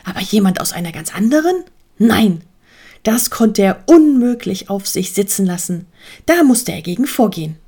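Expressive woman reading a storybook. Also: mid-range voice, normal speed, slightly rough. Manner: expressive, lively storybook delivery. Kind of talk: read-aloud children's story narration.

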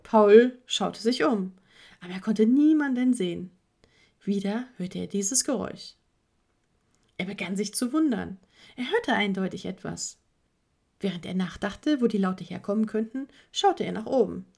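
A woman reading a children's story aloud with expressive, dramatic storytelling. Her pitch sits mid-range but moves in very lively swings. A gravelly fry runs through her voice. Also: a little slow.

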